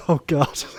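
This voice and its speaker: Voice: mid-range voice, a bit bright, slight background noise. Wry self-deprecating podcast host. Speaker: podcast host running the draft. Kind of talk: casual chat.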